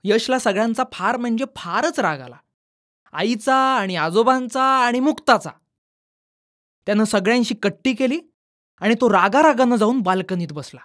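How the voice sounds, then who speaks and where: A woman narrating a children's storybook in a calm, expressive way. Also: fairly high pitch, moderate pace.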